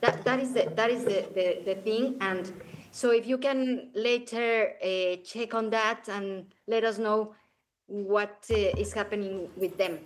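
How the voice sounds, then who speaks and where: A woman's voice: medium pitch, steady tone, measured pace. Hesitant woman journalist asking questions. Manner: hesitant, searching for words. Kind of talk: questions at a press briefing.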